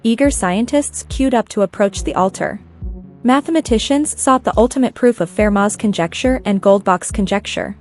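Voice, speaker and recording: A woman reading a scripted story narration at a steady, even pace. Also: mid-range voice, normal speed, faint music behind.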